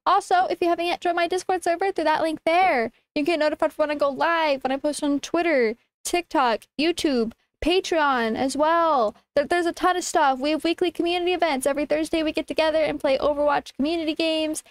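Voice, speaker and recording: A woman's voice: sits high, no echo. A young woman livestreamer chatting casually to her viewers in a cutesy, informal, affectionate way. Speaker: livestreamer, VTuber.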